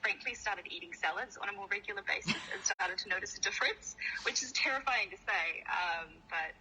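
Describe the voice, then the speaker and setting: A woman with a New Zealand accent speaks fairly quickly in a medium-pitched, pushed, bright voice. A company co-founder, she chats in a casual video-call interview, friendly and self-deprecating with many fillers, on a rough recording with a little hiss or hum.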